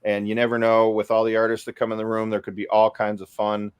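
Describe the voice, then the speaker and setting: A man hosting a casual group chat, talking with excited emphasis and repeating phrases. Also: lowish voice, fast talker, smooth. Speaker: show host.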